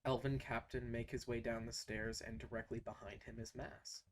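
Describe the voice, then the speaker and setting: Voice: medium pitch, level tone, moderate pace, a little hiss or hum. A game master narrating a tabletop game in virtual reality, giggly and scattered, breaking into laughter often.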